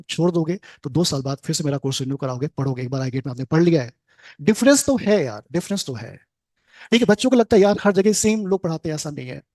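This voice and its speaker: A man's voice: on the high side, darkish tone, no room sound. A man with an Indian accent, a coaching teacher giving a motivational talk to his students, urging them on in short listed phrases. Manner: earnest, exhorting, lists advice in short phrases.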